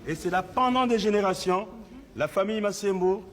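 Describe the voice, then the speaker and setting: A man's voice: high-pitched, moderate pace, big-room sound. A man recounting family stories in a documentary interview. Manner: anecdotal, recounting family lore. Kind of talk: storytelling in a documentary.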